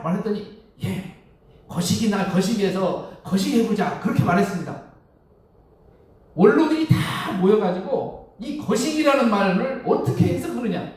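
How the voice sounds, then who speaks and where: A man preaching a relaxed Sunday sermon, his voice fairly high and swinging widely in pitch as he quizzes the congregation and chuckles along the way. He is heard from a distance across a very echoey temple hall. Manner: conversational, asks the congregation questions, chuckles often. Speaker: Won Buddhist minister.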